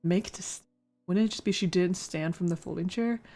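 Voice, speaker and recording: With music in the background, a woman hosts a casual let's play and reads a visual novel out loud. Her voice is fairly low and dark in tone, at a normal speed, and she makes playful asides and stumbles over words.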